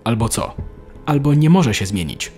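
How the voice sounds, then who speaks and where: A man's voice: medium pitch, animated, normal speed, darkish tone, soft background music, natural voice. A man voicing a worried middle-aged mother in a storybook reading. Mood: uneasy. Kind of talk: storybook narration.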